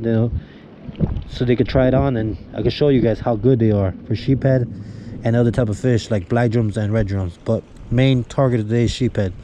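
Excitable man vlogging on a windy pier. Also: mid-range voice. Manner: excitable, talks viewers through each step. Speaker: fishing vlogger. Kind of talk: casual how-to commentary. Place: outdoor fishing pier by the sea. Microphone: chest-mounted action camera. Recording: wind noise on an action camera.

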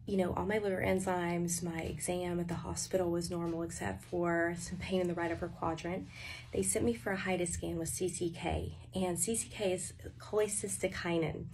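A woman's voice: lowish voice, a little mellow, a little hiss or hum. A woman in her thirties telling a personal health story in a casual, earnest, explanatory way to her followers, recorded on a phone in a small wooden sauna. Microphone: phone at arm's length.

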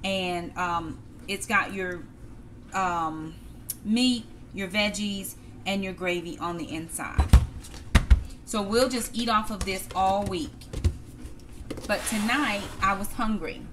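A woman's voice: mid-range voice, slow pace, background noise. A middle-aged woman, chatting casually to viewers as she cooks in her home kitchen. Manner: chatty, talks to viewers as "y'all". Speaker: cooking vlogger. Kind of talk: casual cook-with-me narration. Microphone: camera on the counter. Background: clatter of dishes, pans and cutlery.

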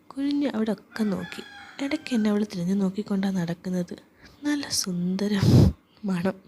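A woman narrates in a hushed whisper, her voice soft and airy. Her pitch sits in a middle range, and she tells the story as whispered storytelling in the first person. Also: husky.

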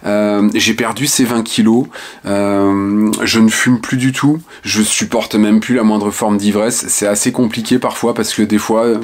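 In a small room at home with shelves and a lamp, a man in his fifties from the Ardennes in France, an author and online speaker, tells the camera his life story. He speaks frankly and reflectively at an unhurried pace, in a fairly low, level voice peppered with hesitant "euh" fillers.

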